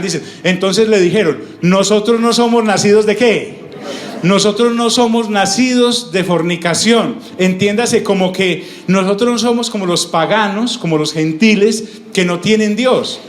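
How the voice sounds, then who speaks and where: High-voiced preacher in an echoey room. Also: male voice, slight background noise. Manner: teaching with call-and-response questions. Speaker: pastor. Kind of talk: sermon. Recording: echoey room with faint ambience.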